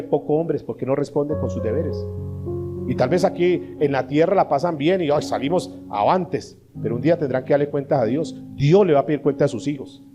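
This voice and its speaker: A male pastor preaching a sermon, asking the congregation rhetorical questions and acting out short dialogues. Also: a little high. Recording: live sermon with guitar music behind.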